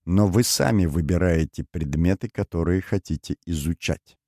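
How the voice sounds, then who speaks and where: A man's voice: deep voice, darkish tone, no room sound. A man doing a grave, wary mercenary colonel. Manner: slow, measured, deferential. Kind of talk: audiobook character voice.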